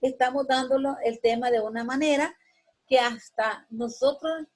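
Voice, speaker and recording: A woman teacher with a high, steady, slightly mellow voice talks at normal speed on a low-quality recording. She explains the lesson patiently through everyday examples, often checking with a questioning tag and using frequent hesitation fillers.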